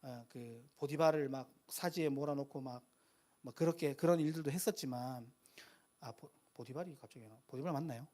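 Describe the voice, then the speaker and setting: A man's voice: medium pitch, fairly quick, warm tone. A man giving a chatty, conversational sermon at a live worship meeting, stopping to correct himself and laughing at his own slips.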